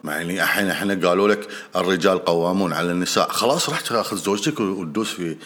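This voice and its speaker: A man with a Gulf Arabic accent giving casual, earnest advice straight to the listener, repeating points and pausing on fillers. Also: low voice, fairly bright tone. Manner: earnest and repetitive, addresses listener directly; frequent hesitations and fillers. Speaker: speaker giving marriage advice.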